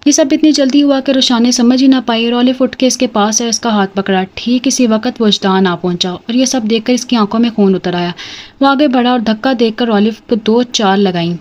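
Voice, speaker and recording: A woman narrating a romance novel in a steady storytelling read. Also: a little high, normal speed.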